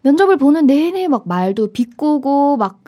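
Mellow-voiced woman telling a story. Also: high-pitched, big pitch swings, normal speed. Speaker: panel guest. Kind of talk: casual anecdote telling.

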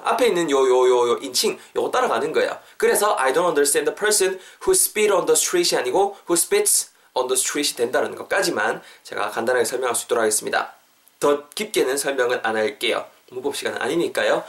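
Lively male English tutor, slightly distant mic. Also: fairly high pitch. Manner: lively, playful, drills phrases with repetition and jokes. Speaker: English teacher, podcast host. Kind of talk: podcast English lesson.

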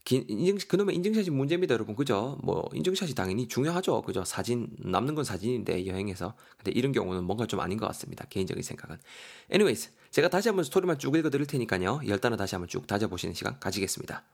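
A man's voice: lowish voice, very animated, racing, vocal fry, darkish tone. A man hosting a podcast vocabulary lesson, explaining words and spelling them out letter by letter. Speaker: English vocabulary teacher, podcast host.

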